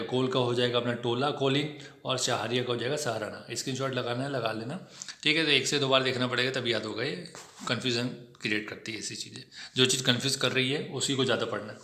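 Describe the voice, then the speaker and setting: Brisk, bright-voiced coaching teacher. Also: male voice, medium pitch, reverberant. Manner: brisk, chatty explaining with frequent "ठीक है" check-ins. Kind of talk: test discussion lesson.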